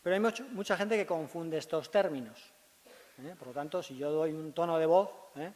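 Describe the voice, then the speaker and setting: A man's voice: fairly high pitch, moderate pace, a little mellow. A man, a speech therapist giving a conference talk in a large hall. He teaches step by step and keeps checking in with short tag questions. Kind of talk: conference presentation. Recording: long reverb of a large hall.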